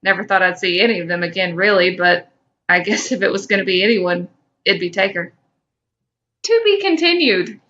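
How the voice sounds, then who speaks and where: A woman co-hosts a podcast in a medium-pitched, expressive, fairly bright voice at normal speed, and the sound is lo-fi. Whether she's reading fan fiction aloud or bantering, she stays informal, teasing and profane.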